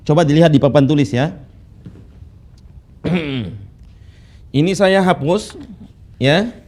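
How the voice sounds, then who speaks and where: A man teaching Quran recitation rules, patiently drilling students with slow, drawn-out recited phrases. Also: on the high side, darkish tone. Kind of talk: tajwid lesson with recitation drills. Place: classroom studio with whiteboard.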